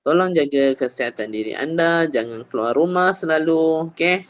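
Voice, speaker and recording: A male teacher giving an online grammar lesson, gentle and encouraging, repeating example sentences with changing intonation. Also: a little high, moderate pace, no echo.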